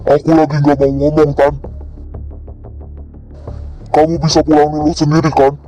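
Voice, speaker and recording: A man plays a troubled young husband who presses insistently for answers. His voice is fairly high but mellow, with faint music behind him. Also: level tone, moderate pace, lo-fi sound, close to an everyday voice. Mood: urgent. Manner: insistent, pleading.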